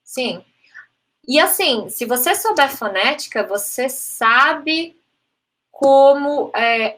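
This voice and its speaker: A woman's voice: on the high side, bright, forceful tone. Chatty Brazilian woman teaching phonetics. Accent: Brazilian Portuguese. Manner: chatty, frequent "né?" tags, mixes in English terms. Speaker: English and Spanish teacher, phonetics lecturer. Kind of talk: live online talk answering chat questions.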